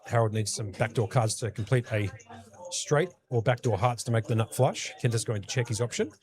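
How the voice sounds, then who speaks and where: A man with an Australian accent giving brisk play-by-play commentary on a live poker tournament from a commentary booth. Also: medium pitch, expressive, darkish tone. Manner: brisk play-by-play, matey banter.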